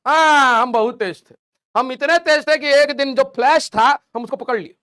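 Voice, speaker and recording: A man voicing a boastful young man who brags loudly to his friends. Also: very high voice, moderate pace. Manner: brash, bragging, animated.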